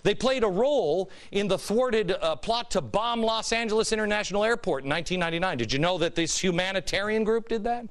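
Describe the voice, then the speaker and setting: An American male host gives a political monologue in a fairly high voice that rises and drops dramatically. He is sarcastic and mock-innocent, repeating phrases and posing pointed rhetorical questions to his audience. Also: lively intonation, fairly quick, hardly any pauses. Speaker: political commentary show host.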